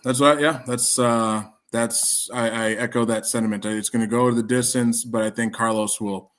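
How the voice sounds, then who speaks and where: A man with a Wisconsin accent hosts a casual podcast chat, rambling through his thoughts with many restarts and fillers. His voice is fairly low in pitch and a bit bright.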